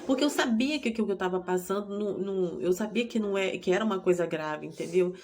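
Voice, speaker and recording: A woman's voice: medium pitch, fast, darkish tone, a little hiss or hum. Tearful Brazilian woman giving testimony. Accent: Brazilian Portuguese. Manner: tearful, addresses listeners as "gente". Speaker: testimony speaker. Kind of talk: emotional personal testimony.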